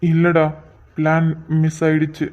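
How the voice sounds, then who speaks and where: A woman's voice: low-pitched, completely flat delivery, measured pace, darkish tone, slight background noise, voice pushed down. A woman voicing a nervous young male sidekick in a cartoon, hesitating before admitting failure. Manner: hesitant, stammering. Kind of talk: cartoon voice acting.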